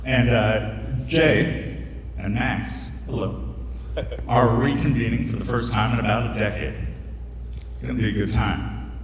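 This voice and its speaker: A man's voice: medium pitch, steady tone, unhurried, long pauses, a little hiss or hum. Chatty man telling a story in an echoey hall. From United States. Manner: casual, joking, chatty with many fillers. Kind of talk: live storytelling on stage. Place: stage in a hall with a live audience. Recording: echoey hall picked up from a distance, crowd audible.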